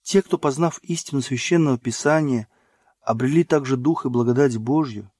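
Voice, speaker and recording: Male narrator, mid-range voice, dry booth sound, measured solemn audiobook read. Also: mid-range voice, a little mellow, dry recording. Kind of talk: scripted narration of a religious book.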